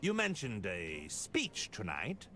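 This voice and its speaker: A man's voice: on the low side, huge pitch swings, takes it slowly, pushed and bright, faint music behind, full character voice. A man playing an earnest, awkward, politely inquisitive novelist detective in a comedic game. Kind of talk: comedic adventure game acting.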